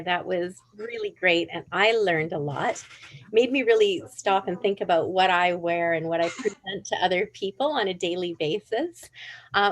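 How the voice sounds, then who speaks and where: A woman moderating a book event, politely thanking the author and reading out audience questions. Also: medium pitch. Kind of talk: hosting a Q&A.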